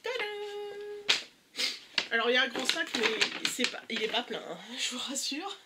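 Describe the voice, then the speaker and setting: A woman's voice: a little high, expressive, fairly quick, very noisy. A young woman with a stuffy nose, chatting casually and eagerly through a makeup haul with many hesitations. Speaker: beauty vlogger.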